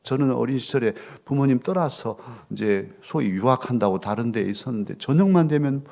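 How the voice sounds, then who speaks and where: Male pastor, middle-aged, expressive sermon delivery with animated pitch, loud then hushed. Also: brisk, creaky. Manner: expressive, swings from loud questions to soft near-whispers. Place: church sanctuary.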